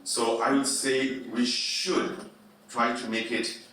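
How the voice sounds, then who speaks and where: A man from Nepal making slow, deliberate remarks in a meeting. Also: mid-range voice, flat delivery, sharp tone, very echoey, far from the mic, a little hiss or hum, rough recording.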